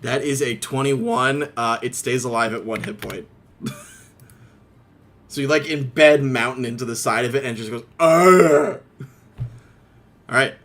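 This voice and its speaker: A man running a tabletop game as game master, excitable, laughing often and swearing freely. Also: medium pitch, moderate pace.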